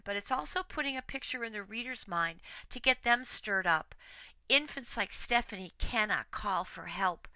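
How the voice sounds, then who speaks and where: A woman teaches writing in a relaxed, conversational lecture, pausing on fillers and correcting herself as she goes. Her voice is very bright and smooth. It is recorded close up, with no room echo. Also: mid-range voice.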